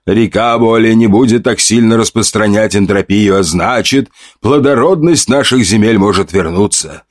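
A man's voice: fairly low pitch, moderate pace, no echo, studio quality. A man voicing a proud male ruler who proclaims grandly to a crowd through a megaphone. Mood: triumphant. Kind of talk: audiobook narration.

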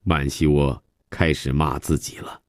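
A man reading a novel aloud as a radio storyteller, with calm, measured narration. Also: rumbling low, no room sound, clean studio sound.

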